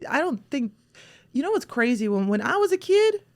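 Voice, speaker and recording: Chatty woman from Russia, slightly high voice. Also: normal speed. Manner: chatty, animated storytelling with many restarts. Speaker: podcast host. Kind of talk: casual podcast chat.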